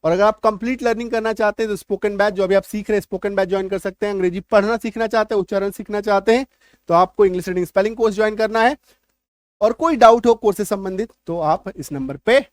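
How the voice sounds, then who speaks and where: पुरुष अंग्रेज़ी शिक्षक, सूखी नज़दीकी आवाज़. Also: male voice, high voice, fast, dry recording, clean studio sound. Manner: patient, repeats words, checks understanding often. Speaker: English teacher. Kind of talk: online spoken English lesson.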